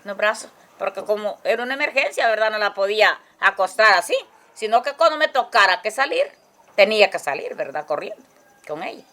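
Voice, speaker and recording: An older woman giving testimony in a halting way, often checking in with her listener. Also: medium pitch, lively intonation, bright, forceful tone. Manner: halting, tagging lines with "¿verdad?". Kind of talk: spoken testimony in a documentary. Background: music.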